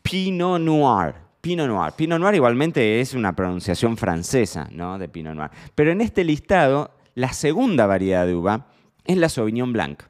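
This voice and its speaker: A man's voice: mid-range voice, very animated, moderate pace. A man with an Argentine Spanish accent hosting a casual solo podcast, chatty and playful, joking about his own mistakes. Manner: chatty, self-deprecating, playful mock pronunciations. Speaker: podcast host.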